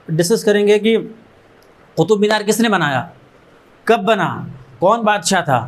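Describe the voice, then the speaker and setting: A man who founded an education trust gives an earnest motivational talk to students in a learning centre room, urging them on in strings of short repeated phrases. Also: sits high.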